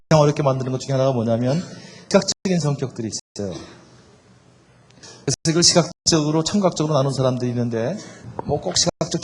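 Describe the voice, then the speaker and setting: Middle-aged man telling marriage stories. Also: medium pitch. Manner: storytelling, acts out quoted dialogue. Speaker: lecturer on marriage. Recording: reverberant hall with faint noise.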